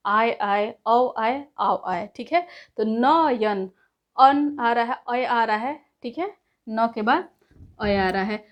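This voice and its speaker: A woman teaching a lesson, explaining step by step, asking herself questions and pausing often to check in. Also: on the high side, darkish tone. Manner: says "ठीक है" after points. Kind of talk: classroom lecture.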